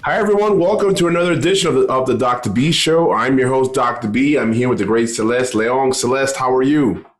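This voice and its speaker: A man's voice: mid-range voice, a little fast, hardly any pauses, soft background music. An enthusiastic middle-aged man hosting an interview show, piling on praise and repeating his words. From United States. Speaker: podcast host. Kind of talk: interview host chat.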